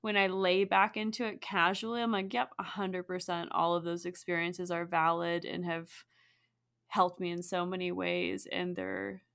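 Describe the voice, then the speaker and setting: A woman's voice: lowish voice, fairly even intonation, normal speed, vocal fry, fairly bright tone, clear, resonant tone. A woman guest in a casual podcast conversation, talking reflectively and loosely, with many fillers and frequent laughs.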